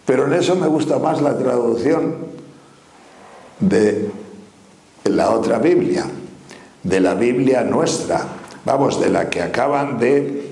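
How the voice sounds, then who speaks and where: An older man from Spain preaching a sermon in a lively, questioning way, speaking to his listeners as brothers. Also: medium pitch, slow pace, pauses often. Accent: Spanish from Spain. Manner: animated, rhetorical questions, addresses listeners as brothers. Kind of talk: spoken sermon. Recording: echoey room with faint background noise.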